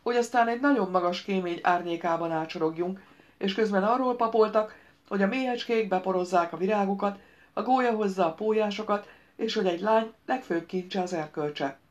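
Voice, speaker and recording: A woman's voice: mid-range voice, muffled recording, close to an everyday voice. A woman voicing an arrogant, crude young bride-to-be in an audiobook, talking in a sassy, scornful, slangy way. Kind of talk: audiobook character reading.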